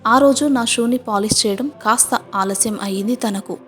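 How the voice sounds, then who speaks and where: A woman's voice: on the high side, normal speed, fairly bright tone, faint music behind. Woman reading a moral story. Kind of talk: scripted first-person moral story narration.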